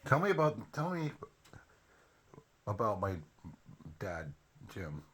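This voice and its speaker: A man's voice: on the low side, sing-song, takes it slowly, a bit bright, breathy edge. A young man casually interviewing a relative, giving short listening responses and informal prompts. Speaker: interviewer, grandchild of the storyteller.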